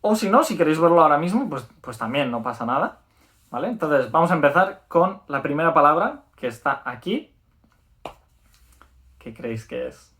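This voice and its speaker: A man's voice: fairly high pitch, sing-song, fairly bright tone. Upbeat Spanish man teaching a lesson. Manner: explanatory, repeats words slowly and checks in with "¿vale?". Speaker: language teacher. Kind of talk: video lesson.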